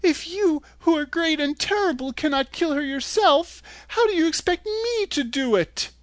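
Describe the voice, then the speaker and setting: A man's voice: animated, measured pace, no echo. A man doing a tearful little girl Dorothy. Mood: sobbing. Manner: high pleading voice, sobbing.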